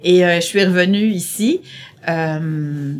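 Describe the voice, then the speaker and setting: A woman's voice: lowish voice, slow pace, darkish tone. A middle-aged woman with a Québécois French accent answering interview questions in a chatty, rambling way, with many hesitations and repeated words. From Quebec. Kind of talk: casual conversational interview.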